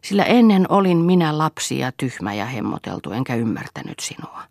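A woman's voice: rumbling low, very animated, vocal fry, a little mellow, dry recording, studio quality, heavily acted. A woman reading a letter from an affectionate younger sister, in a tender and pleading way.

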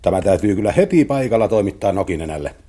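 A man playing a kindly, easygoing middle-aged father in a radio play, with a husky voice and a fatherly manner. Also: lowish voice, animated, mellow.

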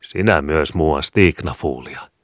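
A stern farm mother scolds her children and then teases them dryly, as a man reading the story puts her on. The voice sits very low and is heard close and dry, with no room around it. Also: gravelly, a bit bright, no echo, full character voice. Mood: teasing. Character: stern but amused mother of a farm family.

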